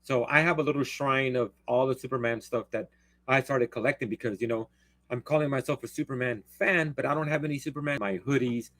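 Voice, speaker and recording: Brisk and steady, his mid-range voice fairly bright, a Spanish-speaking man hosts a casual livestream in a dry, close recording. He talks bluntly and rambles, frequently interrupting himself.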